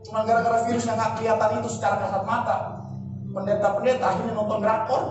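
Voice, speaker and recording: A man's voice: high voice, level tone, fast, dull audio, background noise. A male pastor preaching a sermon in a large church, asking rhetorical questions with emphasis. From Indonesia. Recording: echoey church hall from far off.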